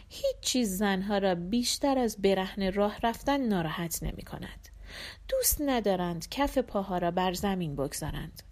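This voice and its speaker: In scripted literary narration, an audiobook narrator reads a translated short story; she has a mid-range voice and keeps her storytelling measured and even.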